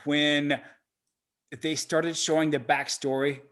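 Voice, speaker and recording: A man co-hosting a casual movie-reaction podcast, excitable and swearing freely as he gushes over scenes. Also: on the high side, takes it slowly. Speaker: podcast co-host.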